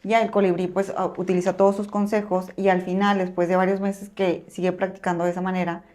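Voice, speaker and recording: A woman's voice: on the low side, flat delivery, fairly quick, a little mellow. Woman hosting a podcast. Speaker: podcast host. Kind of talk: podcast conversation and storytelling.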